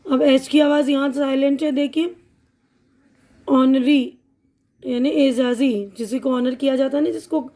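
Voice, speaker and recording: A woman with a high voice teaches an English lesson, reading words aloud and explaining each one. She goes slowly, repeats words as drills and often pauses to check that her listeners follow. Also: fairly even intonation, mellow. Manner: checks in with "theek hai na". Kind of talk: online spoken-English lesson.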